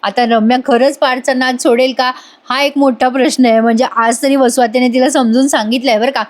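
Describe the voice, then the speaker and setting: A woman's voice: high voice, fairly even intonation, fairly quick. A woman narrating a casual serial review in a chatty way, talking directly to viewers. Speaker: voice-over reviewer.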